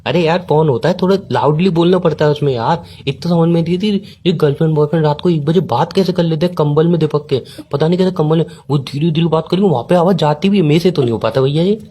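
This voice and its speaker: A fast-talking man grumbles through a comedic phone-call sketch as an exasperated boyfriend. His voice is dark and mellow, and he teases and complains in quick bursts. A faint noise sits under the recording. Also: a little high.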